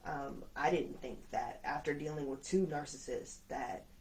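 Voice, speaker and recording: A co-host sharing a personal story in casual chat, speaking haltingly and softly with many fillers. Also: mid-range voice, recorded from a distance, low-quality recording. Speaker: co-host, business partner.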